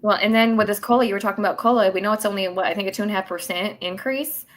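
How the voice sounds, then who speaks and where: A woman's voice: medium pitch, racing. A woman, a guest on a talk show, explaining benefit rules at length in a casual, chatty way. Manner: explanatory, talks at length with fillers. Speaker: work incentives coordinator guest. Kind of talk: casual chat on a podcast.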